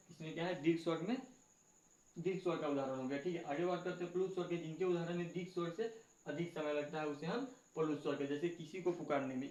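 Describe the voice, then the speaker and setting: Going back over every point of a grammar lesson, this teacher asks the class questions and then supplies the answers himself. His voice sits on the high side with a darkish tone, captured in an echoey room with dull lo-fi sound.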